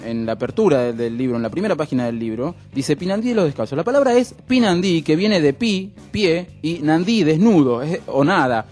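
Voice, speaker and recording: A man with an Argentine accent hosting a radio show, explaining things in a wry, relaxed way with lots of fillers. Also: fairly high pitch. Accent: Argentine Spanish. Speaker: radio host. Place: radio studio.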